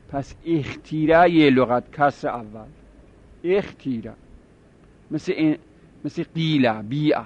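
A man's voice: a little high, fairly bright tone. A man teaching a grammar lesson, explaining step by step and repeating word forms to drill them. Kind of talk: seminary-style grammar lesson. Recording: dull lo-fi recording.

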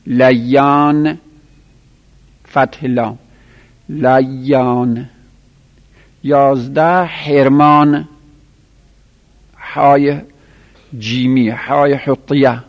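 A man teaching a class, counting out items one by one and spelling their letters slowly for students to write down. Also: medium pitch, steady tone. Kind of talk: classroom lesson dictating Arabic verbal nouns. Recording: lo-fi recording in a reverberant room.

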